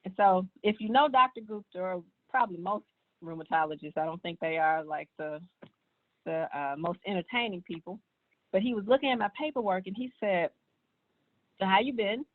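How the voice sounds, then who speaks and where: A woman's voice: lowish voice, a little fast. A woman, earnestly sharing her personal health story in casual talk. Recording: tinny, phone-like sound.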